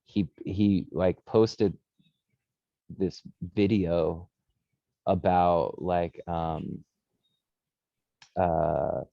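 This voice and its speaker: A man co-hosting a podcast, telling stories in a casual, animated way with lots of fillers and swearing. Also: deep voice, drawn-out words, vocal fry, pauses often, no echo, highs cut off. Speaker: podcast co-host. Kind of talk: casual chat.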